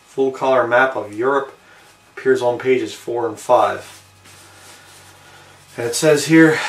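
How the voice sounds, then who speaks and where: In an amateur show-and-tell video, a man of medium pitch presents a collectible, narrating casually to camera. His pace is unhurried and halting, with trailing pauses between brief phrases, captured by a distant mic in a roomy, echoey space with faint noise.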